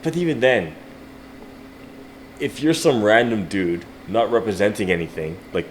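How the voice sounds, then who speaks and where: A man's voice: fairly low pitch, measured pace, a little hiss or hum. A man in a casual podcast chat who talks animatedly, asks questions and uses lots of fillers.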